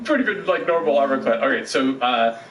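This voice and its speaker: A man with an animated voice narrates a tabletop game as its game master. His delivery is informal and halting, picked up from a distance in an echoey, noisy room. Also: mid-range voice. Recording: echoey room, distant mic, clear background noise.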